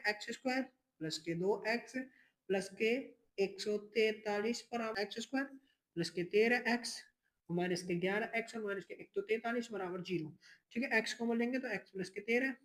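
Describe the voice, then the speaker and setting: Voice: medium pitch, fairly bright tone, rough recording. A math teacher giving a step-by-step exam lesson, speaking to the students as children, restating each step and checking in often. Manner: addresses students as children, keeps checking in with "ठीक है".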